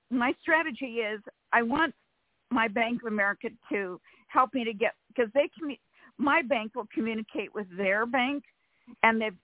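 A woman's voice: fairly high pitch, dry recording. A woman calling in to a radio show over the phone, rambling with many fillers. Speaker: caller. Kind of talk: call-in radio chat. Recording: tinny dry phone line.

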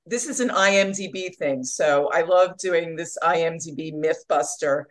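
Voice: mid-range voice, moderate pace. A podcast host interviewing a guest in a casual, playful way, laughing often.

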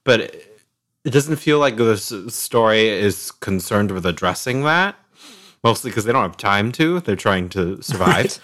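A man's voice: lowish voice, lively intonation, measured pace, a bit bright. A man co-hosting a podcast, talking conversationally and often saying "like". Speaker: podcast co-host. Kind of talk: casual discussion.

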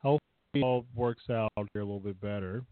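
Speaking fast in a fairly low voice, a man calls in to chat casually about wrestling, rambling with heavy use of "uh" and "you know." The phone line is thin and dry with no echo, and it keeps cutting out.

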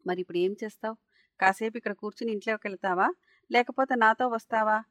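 Gentle caring older lady lawyer, soft and kind, woman storyteller voicing her, dry close sound. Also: on the high side, quick pace, no room sound, close to an everyday voice. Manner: gentle, affectionate.

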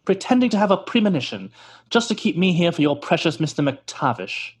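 A man's voice: on the high side, sing-song, brisk, breathy edge, full character voice. An actor playing a vain, pompous male stage actor who talks theatrically and scoffs, in an old-time radio drama.

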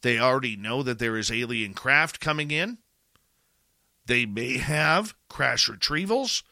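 Male Canadian commentator, very bright forceful tone, emphatic and rhetorical, captured close and dry. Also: medium pitch, animated, dry recording. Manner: emphatic, rhetorical questions, deliberate pauses. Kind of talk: opinion commentary to audience.

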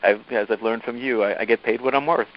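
A man, a team-building coach, telling stories animatedly as an interview guest, often jumping up in pitch for emphasis. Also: fairly even intonation, fast, dull audio. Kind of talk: interview storytelling.

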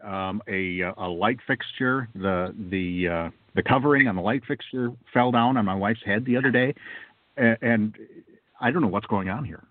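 A man hosting a talk show in a casual conversational style, halting and repeating words as he goes. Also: lowish voice, no room sound. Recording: narrow, phone-like sound.

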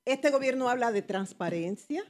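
A woman's voice: a little high, animated, moderate pace, darkish tone, a little hiss or hum. A woman with a Dominican accent debating insistently as a radio panelist, often repeating her points. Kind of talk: live panel discussion.

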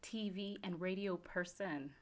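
A woman's voice: lowish voice, a little slow. A woman hosting a podcast, chatting casually and laughing often, with plenty of fillers. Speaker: podcast host. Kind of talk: casual chat.

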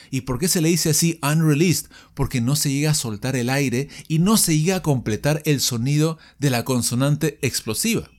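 A man teaching a podcast English lesson, lively and switching between Spanish and English, explaining patiently with examples. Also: a little high.

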